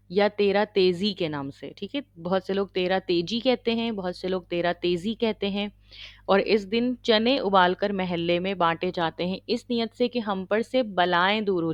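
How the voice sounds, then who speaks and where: A woman's voice: mid-range voice, no room sound, muffled recording. Woman giving a religious lecture. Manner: measured teaching, checks listeners with "okay?". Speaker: Islamic lecturer.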